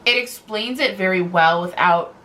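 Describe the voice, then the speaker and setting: A woman co-hosting a book review in casual conversation, informal and halting, often repeating herself. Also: medium pitch, bright, forceful tone. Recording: noticeable background noise.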